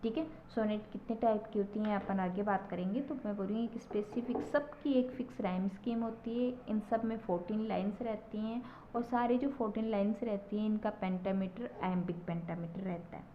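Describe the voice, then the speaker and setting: A female English literature teacher gives a classroom lecture at medium pitch, explaining things slowly and repetitively while often checking with "ठीक है". The recording is dull and lo-fi, with faint noise.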